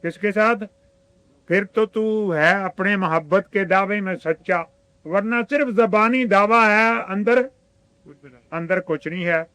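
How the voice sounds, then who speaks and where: A man's voice: high-pitched, unhurried, pushed and bright, clean tone, dry recording. A man with an Urdu-speaking Pakistani accent giving a religious sermon, asking his listeners rhetorical questions and quoting Arabic scripture. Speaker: religious teacher.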